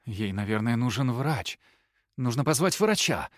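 A man's voice: medium pitch, sing-song, measured pace, dry recording, clean studio sound. A man voicing a frightened young woman who mutters anxiously.

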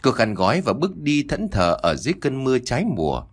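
A man's voice: mid-range voice, wildly swooping pitch, fast. A man narrating an audiobook story with a dramatic storytelling delivery.

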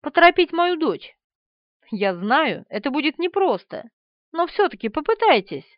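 A woman's voice: very animated, moderate pace, dry recording. A woman voicing a cheerful, hearty middle-aged father in an audiobook. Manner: hearty, then polite and low. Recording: dry, slightly dull studio recording.

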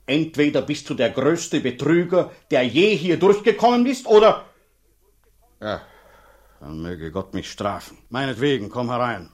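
In a radio drama, a male actor plays a middle-aged village priest who is gruff, suspicious, blunt and talkative. His mid-range voice is husky, with a sing-song lilt and a measured pace.

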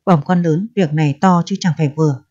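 A woman's voice: sits low, fairly quick, mellow, no echo. A woman reading as a scolding, scheming clerk. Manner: scolding, wheedling. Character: scheming older male court clerk. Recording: dry, dull lo-fi recording.

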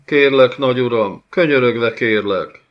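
A man's voice: mid-range voice, voice pushed up, lightly acted. A man voicing a groveling, scheming male envoy who stammers and begs, in a dull lo-fi audiobook recording. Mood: pleading. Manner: stammering, pleading, fawning.

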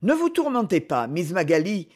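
A man's voice: sits high, wildly swooping pitch, darkish tone, full character voice. A man voicing a proud young duke who speaks coldly, in a storybook reading. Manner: cold and measured.

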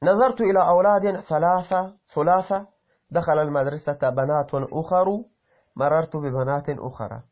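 A man whose voice is slightly high and steady in tone reads out Arabic example sentences and then explains them, now and then stopping mid-word to correct himself. The recording is dull and lo-fi.

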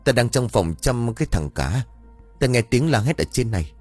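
A man's voice: mid-range voice, very animated, normal speed, darkish tone, slightly rough, faint music behind, voice pushed up. A man voicing a haughty, ruthless lady of the house in a spoken story. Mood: sharp. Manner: haughty and cold. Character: cold ruthless middle-aged lady of the house.

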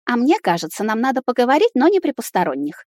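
A woman doing a shrill, sugary spoiled girlfriend. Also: sing-song, a little fast, dry recording, clean studio sound. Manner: cloying, squealing. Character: sugary, shrill young fiancée, spoiled and spiteful.

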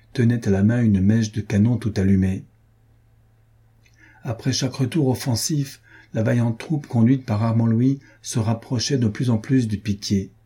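A man narrating an audiobook in a steady, measured reading. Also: lowish voice, husky. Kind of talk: scripted narration.

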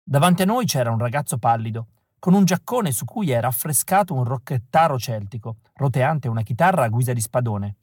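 A man's voice: medium pitch, expressive, brisk, few pauses, husky, no echo. Man reading a story, dry close sound. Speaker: audiobook reader. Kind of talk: scripted narration.

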